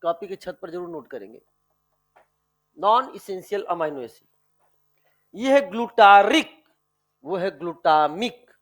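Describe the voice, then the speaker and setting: A man with a notably high voice teaches a chemistry class. He fires off repeated questions, waits for answers, and drags out the key terms. He calls his students dear children. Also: sing-song, measured pace, pauses often, fairly bright tone. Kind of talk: classroom lecture with online students.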